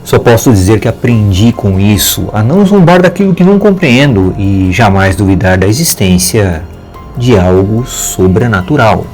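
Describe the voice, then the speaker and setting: A man narrating a first-person supernatural story as the channel's storyteller, slow and dramatic. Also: fairly low pitch, lively intonation, a little mellow, faint music behind.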